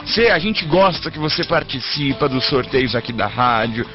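A man hosting a call-in radio show, animated and prone to bursts of mock outrage. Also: medium pitch, normal speed. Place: radio studio. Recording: dull radio broadcast with music behind.

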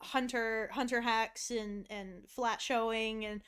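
A woman's voice: on the high side, steady tone, slow pace, fairly bright tone, smooth. A woman co-hosting a podcast, chatting casually with lots of fillers. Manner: filler-heavy, laughs often. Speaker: podcast co-host.

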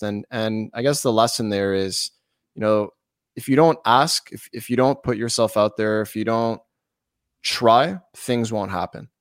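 A man's voice: fairly low pitch, clear, resonant tone, no room sound, clean studio sound. A Canadian man from Montreal chatting as an interview guest, with a casual hockey-bro way of talking. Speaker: podcast guest, company representative. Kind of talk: conversational interview talk.

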